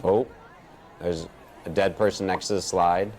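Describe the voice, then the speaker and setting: A man's voice: sits low, fairly even intonation, measured pace, noisy background. A man delivering reaction commentary in a mock-serious legal tone, handing down verdicts and exclaiming at violent clips.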